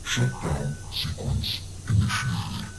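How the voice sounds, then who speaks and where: An actor voicing a malfunctioning robot in a video game, speaking as a computer processing its thoughts and labeling each statement before saying it. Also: male voice. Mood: overheating. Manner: slow, clipped, announces each statement's type. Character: malfunctioning robot that tags each phrase like a program. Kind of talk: video game character dialogue. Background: game music.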